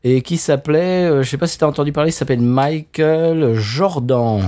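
A man's voice: fairly high pitch, moderate pace, mellow. A middle-aged French man co-hosting a podcast, telling a story in casual chat with many restarts and fillers. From France. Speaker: podcast co-host.

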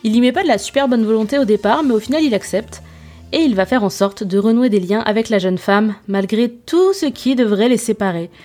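Mellow-voiced woman podcasting casually. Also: a little high, brisk, soft background music. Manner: informal slangy wording, self-deprecating asides, hesitant searching delivery. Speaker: podcast host. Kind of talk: casual, chatty solo podcast review.

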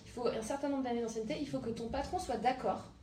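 A woman's voice: on the high side, steady tone, fast. A woman in her thirties from southern France, a guest chatting casually about her career, with lots of hesitant fillers. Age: 30s. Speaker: guest, entrepreneur. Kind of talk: casual interview chat. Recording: roomy, distant mic, faint ambience.

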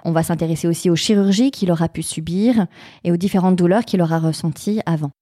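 A woman's voice: lowish voice, quick pace, warm tone, no room sound, clean studio sound. A woman chiropractor answering interview questions, explaining step by step and listing things methodically. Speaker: chiropractor guest.

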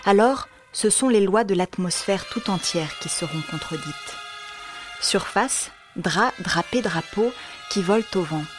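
Slow lyrical woman narrator over music. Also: mid-range voice, lively intonation. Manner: measured, lyrical reading. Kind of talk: poetic scripted narration.

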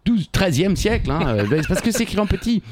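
A man's voice: high-pitched, sing-song, fairly quick, background noise. A man co-hosting a quiz podcast, reading trivia answers with playful asides in casual banter.

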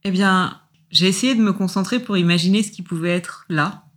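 A socially awkward guest at a party asks polite, halting questions, as a woman acts her out. She hesitates often and fills her pauses, but stays courteous and curious. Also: medium pitch, close to an everyday voice. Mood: hesitant, curious. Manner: hesitant, with many fillers.

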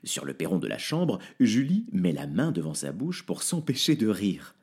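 Un homme qui lit un conte audio avec beaucoup d'expression. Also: male voice, low-pitched, moderate pace, breathy edge. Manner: lively, expressive. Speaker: narrator. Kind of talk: audiobook narration.

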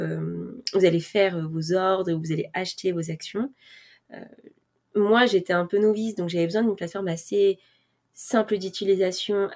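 At medium pitch and with a slightly mellow voice, a woman vlogs about personal finance, explaining step by step in a casual way to camera. She often restarts and uses fillers, occasionally laughing at herself.

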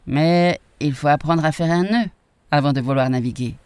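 A woman reading a storybook voices a calm, patient old sailor who teaches knot-tying. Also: on the high side, clean tone, no echo, lightly acted. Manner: calm, measured, instructive.

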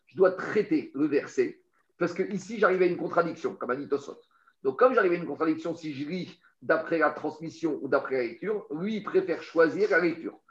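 A man with a somewhat high voice teaches a Talmud lesson, walking through each point step by step and talking straight to the listener. He often repeats words while he searches for how to put things. The sound is roomy and a bit dull, like a lo-fi recording. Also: a bit bright. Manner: explains step by step, addresses the listener directly.

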